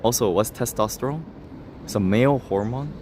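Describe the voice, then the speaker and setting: Speaking directly to his chat, this twenty-something streamer reads comments in a relaxed session, laughing a lot and mocking himself. His voice is mid-range at a moderate pace, with background noise behind it.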